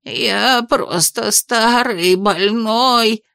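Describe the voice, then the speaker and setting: A woman's voice: medium pitch, animated, a bit bright, no echo, clean studio sound. A woman voicing a fat, frightened old male official who pleads and wails. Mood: whining scared. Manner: slow, wailing, pleading.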